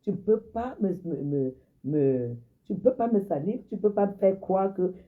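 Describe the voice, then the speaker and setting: A female social media personality rants during a live stream, confronting and mocking someone in a heated, repetitive way. Her voice is fairly low, animated and breathy-edged at a moderate pace, and the audio has a tinny phone-line quality.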